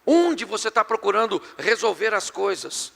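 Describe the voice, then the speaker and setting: High, gravelly pastor preaching in a hall. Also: male voice, normal speed. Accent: Brazilian Portuguese. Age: middle-aged. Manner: animated, joking with the congregation. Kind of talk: sermon on marriage and communication. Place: church hall before a live congregation. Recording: long hall reverb.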